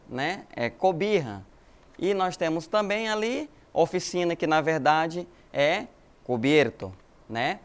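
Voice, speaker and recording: A Brazilian man teaching a recorded language lesson, explaining patiently and checking in with his students with friendly little tag questions. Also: a little high. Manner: explanatory, addresses students as galerinha, frequent né tags. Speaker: Spanish teacher.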